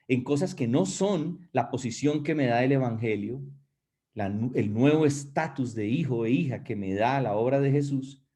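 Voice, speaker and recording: A man's voice: mid-range voice, dark tone. A male pastor delivering a sermon with emphatic preaching. He addresses listeners directly and shifts his pace often.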